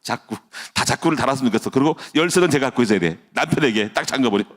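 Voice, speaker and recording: A middle-aged man preaching a dawn sermon as pastor, jokey and lively, laughing often and dropping to a near hush at times. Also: mid-range voice, racing.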